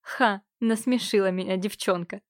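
A woman's voice: medium pitch, steady tone, moderate pace, no echo, studio quality, natural voice. A woman voicing a cruel, domineering uncle who scolds and threatens his niece. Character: cruel domineering middle-aged uncle, man.

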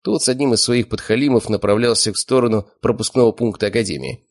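A man's voice: lowish voice, fast. A man reading a first-person audiobook with a dry, sardonic manner. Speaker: audiobook narrator.

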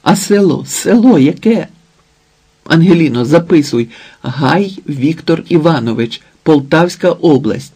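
A man reading an audiobook, voicing an excited adult man who shouts urgent orders. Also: on the high side, unhurried, breathy edge, exaggerated voice. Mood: urgent shouting. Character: excited, rough-spoken grown man.

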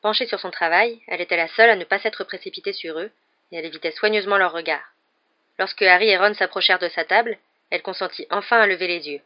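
Woman reading a novel out loud, steady storytelling, kinda muffled audio. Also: fairly low pitch, fast. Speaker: narrator.

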